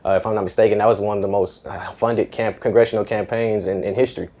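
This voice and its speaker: A man in his twenties from Atlanta, talking in a quick, chatty way on a panel with fillers like "you know what I'm saying". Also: fairly low pitch, fairly even intonation, mellow. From west side of Atlanta. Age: 20s. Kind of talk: panel discussion.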